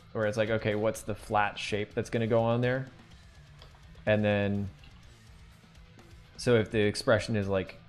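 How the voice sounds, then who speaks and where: A man teaching drawing on a live stream, thinking aloud in a rambling, casual way with many fillers. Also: fairly low pitch.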